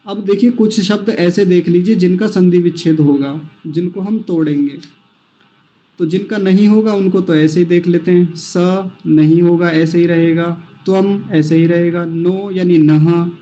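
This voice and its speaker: A man with a high but mellow voice teaches recitation at an unhurried pace. He says syllables over and over with care, like a patient teacher. The recording sounds dull and lo-fi. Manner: slow, repeats syllables carefully.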